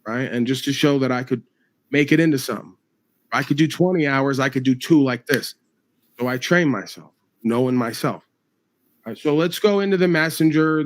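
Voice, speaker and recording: Profane New man ranting. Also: medium pitch. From New York. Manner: profane, confrontational, mocking. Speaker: livestreamer. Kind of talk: angry livestream rant.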